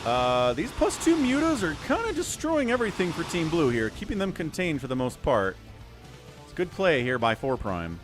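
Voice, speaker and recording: A man's voice: fairly high pitch, sing-song, normal speed, faint music behind. Casting: male stream commentator, lightish voice, swooping intonation, chatty and wry. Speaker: livestream game commentator. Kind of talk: casual esports commentary.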